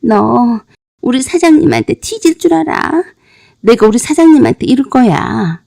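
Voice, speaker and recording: A woman's voice: a little high, animated, moderate pace, vocal fry, warm tone, no echo, clean studio sound, voice pushed up. A woman voicing a brash, mocking young bar hostess in a story narration. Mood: threatening. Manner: sneering, defiant.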